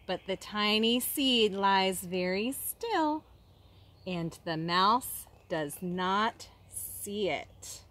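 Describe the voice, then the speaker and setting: A woman with a mid-range, fairly bright voice gives an animated reading of a children's picture book, kindergarten-teacher style. She keeps it expressive with dramatic pauses and questions directed at young listeners.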